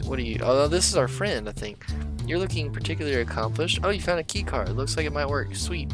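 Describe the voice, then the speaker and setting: A young man gives excited, casual let's play commentary and reacts aloud as he plays. His voice sits at a middle pitch. Game music plays clearly behind him. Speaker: gaming channel host.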